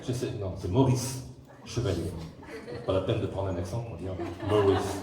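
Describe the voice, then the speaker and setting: A man's voice: low voice, fairly even intonation, brisk, crowd noise. A middle-aged man giving a speech as father of the groom, reading a formal text with dry jokes about himself. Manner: reads formal text, breaks off for dry self-mocking jokes. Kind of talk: prepared speech with joking asides. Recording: echoey hall, far from the mic, faint noise.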